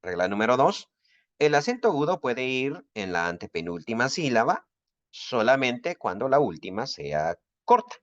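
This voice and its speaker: A man's voice: mid-range voice, very animated, normal speed, no echo, highs cut off. A man teaching a recorded Bible Greek lesson, explaining grammar rules patiently and methodically.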